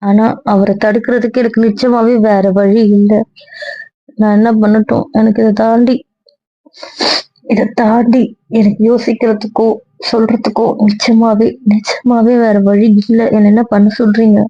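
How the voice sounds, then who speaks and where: A woman's voice: on the high side, flat delivery, moderate pace, no echo, muffled recording, natural voice. A woman doing a guilt-ridden, pleading young woman. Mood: remorseful. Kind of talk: amateur audio drama.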